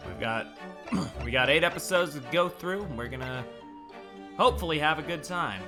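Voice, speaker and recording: A man chatting casually while streaming a game, relaxed and rambling, with game music behind. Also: fairly high pitch, moderate pace. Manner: relaxed, rambling, lots of fillers. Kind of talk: casual let's-play chat and reading the game aloud.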